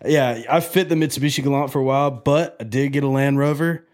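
Speaking quickly at a medium pitch, a podcast host in his twenties spins a long, jokey story in a loose, casual way, cursing freely throughout.

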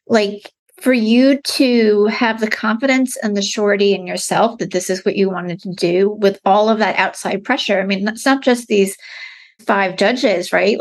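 Upbeat woman podcast host. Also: medium pitch. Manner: upbeat, enthusiastic. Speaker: podcast host and business coach. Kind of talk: podcast intro and interview. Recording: music playing behind the intro.

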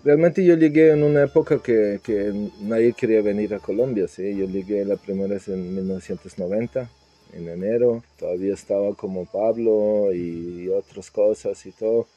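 Man in his fifties, dark mellow voice. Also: on the low side, moderate pace, soft background music. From Serbia. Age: 50s. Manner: relaxed, with frequent fillers like "pues" and "¿sí?". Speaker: interviewee. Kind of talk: casual interview answers.

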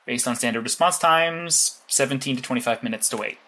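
In an audio drama, a man lightly acts as a cerebral superhero mastermind guiding a young intern, explaining things in a precise, analytical, matter-of-fact way. His mid-range voice is bright and forceful, a little fast, with slight background noise.

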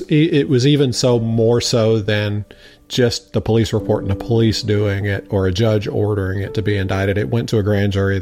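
A man speaking unscripted as a podcast interviewee, halting and repeating words for emphasis. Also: fairly low pitch, a little mellow.

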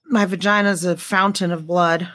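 A woman's voice: lowish voice, steady tone, moderate pace, fairly bright tone. A woman in her fifties chatting casually and candidly, joking and laughing often. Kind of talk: casual chat.

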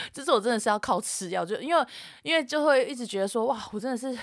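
A woman with a Taiwanese Mandarin accent, co-hosting a podcast and telling stories in an animated way, acting out the quarrels she describes. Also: a little high, quick pace, no echo, clean studio sound. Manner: animated storytelling, acts out quarrels. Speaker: podcast co-host. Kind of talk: casual chat.

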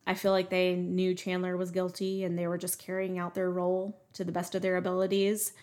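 A woman's voice: on the low side, completely flat delivery, a little fast, a little mellow. A young woman chatting casually as a podcast co-host, filling her talk with "like" and "um". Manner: chatty, lots of "like" and "um" fillers. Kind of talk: casual true crime chat.

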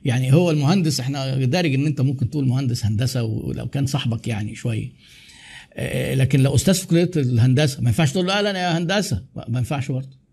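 A man with an Egyptian Arabic accent talking through customer service in a fast, conversational monologue with animated asides. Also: medium pitch, creaky, husky. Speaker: podcast host. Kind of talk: casual monologue on business.

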